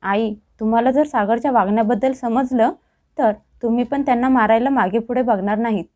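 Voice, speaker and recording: A woman's voice: on the high side, a little fast, mellow, lightly acted. A woman voicing a wronged young wife who speaks earnestly to her mother-in-law in a storybook tale.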